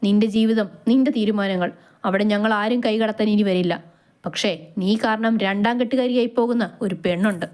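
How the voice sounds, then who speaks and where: A woman's voice: medium pitch, fairly quick, a little mellow, lightly acted. A woman doing a stern, scornful father. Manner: scornful, firm. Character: stern older father, cold and bitter.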